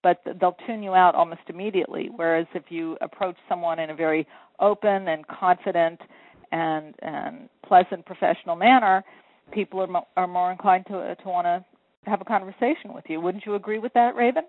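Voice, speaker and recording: A woman's voice: fairly low pitch, fairly even intonation, fairly quick, dry recording. A woman sales coach and author giving earnest, encouraging advice step by step in a phone interview. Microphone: telephone. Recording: tinny phone line.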